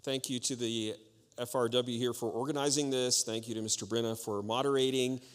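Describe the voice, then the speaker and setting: An American man giving a formal campaign forum speech as a candidate, in measured, halting phrases. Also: mid-range voice, fairly even intonation. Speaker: political candidate. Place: public forum in a hall. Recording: echoey hall with long reverb.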